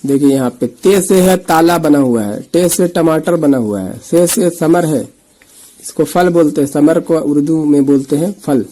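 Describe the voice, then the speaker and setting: Guy teaching kids urdu letters, kinda high mellow voice, says each letter slow and patient. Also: low-quality recording. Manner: patient, repeats letter names slowly, then quicker explanations. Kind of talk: slow letter-by-letter reading lesson.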